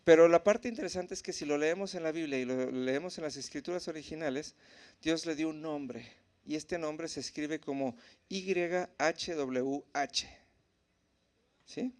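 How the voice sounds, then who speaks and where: A man teaching at a church in a relaxed, conversational way, often checking in with the congregation. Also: a little high, normal speed. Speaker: preacher.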